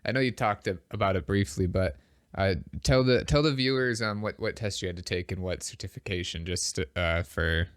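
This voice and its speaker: A man's voice: low-pitched, moderate pace, smooth, no echo, clean studio sound. A man with a stuffed-up nose, sounding congested and slightly short of breath as he chats casually as a podcast host. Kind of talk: casual chat.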